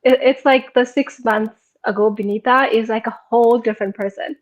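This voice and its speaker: A woman's voice: on the high side, steady tone, a little fast, highs cut off. A woman in her thirties from Nepal, a guest talking casually about her personal transformation, laughing often and filling with "like". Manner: giggly, frequent laughter, many fillers. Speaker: program participant, guest. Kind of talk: casual conversational testimonial.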